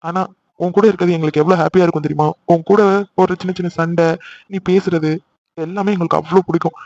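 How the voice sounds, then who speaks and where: A man voicing a caring older brother in an animated cartoon, teasing and then soothing his sister. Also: fairly high pitch, fast talker, dry recording, close to an everyday voice. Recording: slightly dull lo-fi audio.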